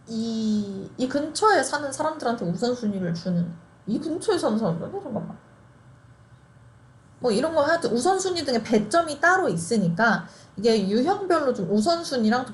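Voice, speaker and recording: A young woman in her twenties hosts a casual explainer on housing programs, her voice on the high side and a little mellow. She chats her way through it, laughing often and tossing out rhetorical questions.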